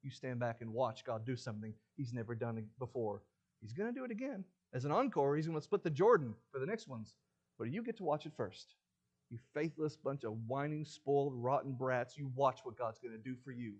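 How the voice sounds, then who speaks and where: A man preaching a sermon in a church, dramatic, shifting from loud rising challenges to low hushed lines and firing rhetorical questions at the congregation. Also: expressive, a little fast, highs cut off.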